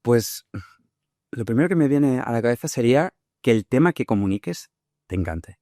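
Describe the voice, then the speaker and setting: A man's voice: mid-range voice, animated, moderate pace, warm tone, no room sound, clean studio sound. Confident man with a Spain Spanish accent. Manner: confident, emphatic, advice-giving. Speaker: interview guest, speaker. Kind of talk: conversational interview.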